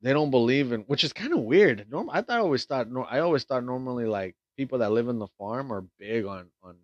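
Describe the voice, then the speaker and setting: A man's voice: medium pitch, lively intonation, fairly quick, no echo, muffled recording. A man casually recapping a film in a rambling way, swearing freely and stumbling through lots of fillers and restarts. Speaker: film reviewer.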